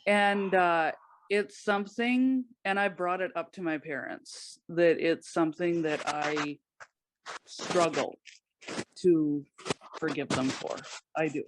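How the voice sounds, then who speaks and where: A woman guest on a podcast, giving personal testimony in a halting way, with many pauses and restarts. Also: on the low side, noisy background.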